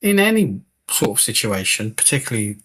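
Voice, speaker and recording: A chatty man hosts a live stream, his voice husky and somewhat breathy at an ordinary middle pitch. He greets viewers one by one and reads their messages aloud in a relaxed, conversational way. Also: a little fast. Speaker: medium and live-stream host. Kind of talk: casual live-stream chat.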